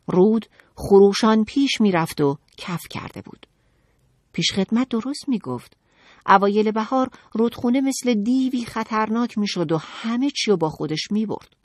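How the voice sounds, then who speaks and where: A woman narrating a children's audiobook in an expressive, dramatic storytelling manner. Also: medium pitch, no room sound, studio quality.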